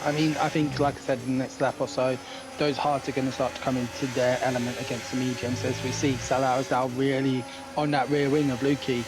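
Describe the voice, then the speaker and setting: A man's voice: medium pitch, little pitch movement, fairly quick, poor audio. A man giving conversational motorsport commentary on a sim race as the analyst, reasoning through tactics.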